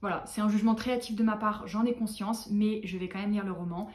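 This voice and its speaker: A tired young woman chatting casually to camera as a book vlogger, animated and self-mocking. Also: medium pitch, quick pace. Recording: echoey room.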